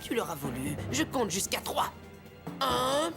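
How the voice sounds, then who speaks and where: A woman's voice: fairly high pitch, very animated, unhurried, creaky, over music, heavily acted. A woman playing a stern, suspicious fish owner in a cartoon, scolding and commanding in an exclamatory way. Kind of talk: animated cartoon acting.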